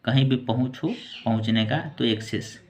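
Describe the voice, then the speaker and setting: A man teaching English vocabulary in a casual, repetitive way, saying each word slowly and repeating it. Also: medium pitch, flat delivery. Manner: slow, repetitive word-by-word explaining.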